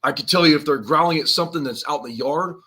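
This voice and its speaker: A man's voice: a little high, fast talker, bright, forceful tone, slightly rough. A man co-hosting a live survival podcast, telling stories in a rambling, slangy way and laughing as he goes. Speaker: podcast co-host. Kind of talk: casual live-stream chat.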